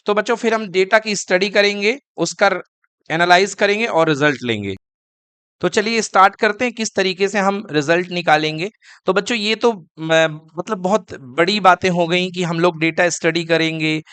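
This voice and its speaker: A man lecturing a class, and he keeps asking questions and then answering them. His voice is smooth and resonant, recorded close and dry. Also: high voice, fairly bright tone, no room sound. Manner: asks students questions and answers them himself; calls students kids and beta. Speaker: teacher.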